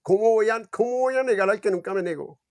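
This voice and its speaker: A man's voice: sits high, quick pace, pitched above the performer's own voice. A man voicing a grieving son who refuses to deny his faith, told as part of a sermon story. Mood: pleading.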